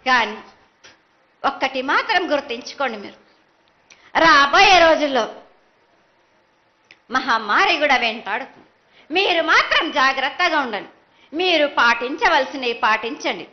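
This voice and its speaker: A woman's voice: sits high, lo-fi sound. A woman speaking as a goddess oracle, delivering ritual prophecy in a solemn, commanding, declamatory way. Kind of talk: ritual prophecy, chanted pronouncements.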